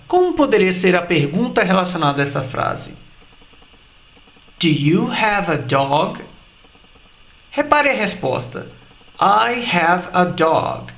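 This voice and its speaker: A man teaching an English grammar lesson, explaining patiently and slowing down to say example phrases. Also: high-pitched, fairly bright tone, echoey room.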